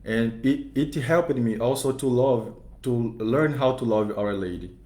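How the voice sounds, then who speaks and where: A man's voice: medium pitch, measured pace, mellow. A man in his twenties with a Brazilian Portuguese accent, a seminarian guest speaking careful, hesitant, polite English. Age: 20s. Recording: echoey parish room.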